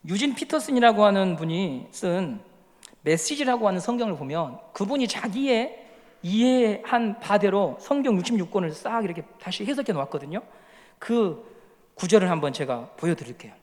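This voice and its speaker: A man's voice: high-pitched, animated, normal speed. A man preaching a sermon at a midweek prayer service, earnest and repeating phrases as he asks rhetorical questions. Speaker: pastor. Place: church sanctuary. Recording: long reverb of a church hall.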